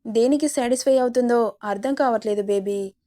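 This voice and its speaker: A woman's voice: a little high, a little fast, warm tone, lightly acted. Woman voicing an arrogant young college owner. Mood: domineering. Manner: teasing and domineering.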